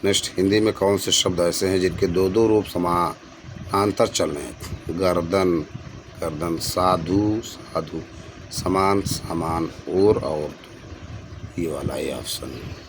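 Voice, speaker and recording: A man with a very low voice teaches an exam-prep spelling lesson. He reads each answer choice aloud and repeats words to stress the right one. Faint background noise and passing vehicles can be heard.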